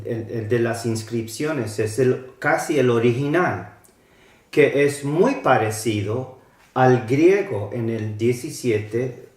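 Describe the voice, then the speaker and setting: A man teaching a slow lesson on old alphabets, spelling out letters and sounds with hesitations. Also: mid-range voice, echoey room, distant mic.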